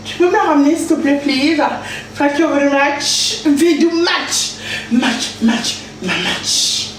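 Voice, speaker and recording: A woman with a high voice chats slowly and casually on a live stream from her home kitchen, playful and talkative, often singing to herself. She's picked up from a distance in an echoey room with background noise.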